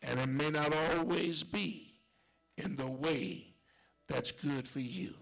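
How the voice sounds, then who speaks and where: A slightly high, creaky male voice delivers a sermon at an unhurried pace. He builds momentum through repeated lines in a call-and-response church rhythm, rising to shouts and at times dropping to a whisper.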